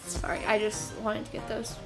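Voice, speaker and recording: A woman's voice: medium pitch, completely flat delivery, normal speed, low-quality recording. A young woman in her apartment, chatting casually and rambling to herself while playing a game, with frequent sighs and fillers. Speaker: gameplay video host. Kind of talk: casual gameplay commentary. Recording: game music clearly behind voice.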